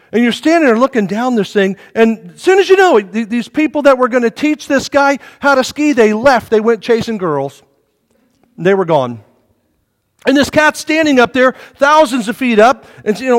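Brief: jokey, storytelling male pastor, lively high voice, echoing sanctuary. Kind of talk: sermon. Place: church sanctuary. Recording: reverberant hall.

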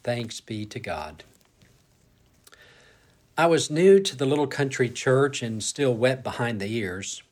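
A male pastor delivering a sermon, reading scripture and telling a personal story in a measured, storytelling way. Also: medium pitch, animated, darkish tone. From grew up in a city.

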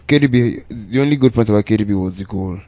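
Male podcast host, warm dark tone, emphatic sports banter. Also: on the low side, fast. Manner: emphatic, repeats words. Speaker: podcast host leading the discussion. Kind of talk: casual sports chat.

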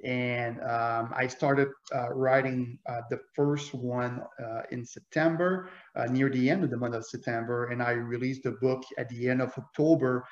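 French Canadian man, halting and level in tone, heard over an echoey lo-fi remote line. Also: medium pitch, fairly even intonation. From Quebec, Canada. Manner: hesitant, many fillers. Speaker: guest. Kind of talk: casual interview. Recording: roomy, dull lo-fi remote audio.

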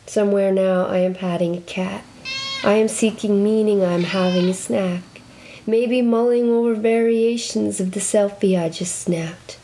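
A woman performing a reflective spoken-word monologue, slow and deliberate, speaking intimately to the listener and asking many questions. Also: mid-range voice, steady tone, slight background noise, low-quality recording. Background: loud guitar music.

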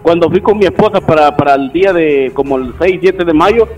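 A man co-hosting a radio chat, animated and laughing as he tells stories and acts out quoted voices. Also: on the high side, brisk, distant mic, lo-fi sound. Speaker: radio show co-host. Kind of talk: casual storytelling chat. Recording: voice a bit off the mic with faint music.

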